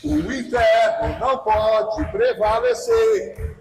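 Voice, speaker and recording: A Brazilian man preaching a sermon in a church, fervently shouting and leading the congregation in repeated declarations. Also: extremely high pitch, slow, faint music behind, poor audio. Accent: Brazilian Portuguese. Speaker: pastor. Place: large church sanctuary.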